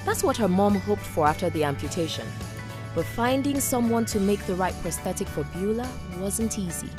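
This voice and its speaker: News feature narrator: female, mid-pitched, animated intonation, scripted read with music bed. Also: normal speed. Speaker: narrator, reporter.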